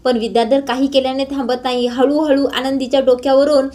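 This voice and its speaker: High-voiced woman recapping a serial. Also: level tone, a little fast, warm tone. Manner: plain storytelling with filler hesitations. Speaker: TV serial episode reviewer. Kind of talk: episode recap narration.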